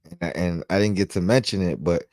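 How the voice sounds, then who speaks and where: In a very low voice, an easygoing man co-hosts a casual fan podcast, talking in a relaxed, brisk way and often checking in with "you know what I mean." The recording is dry and close, with no echo.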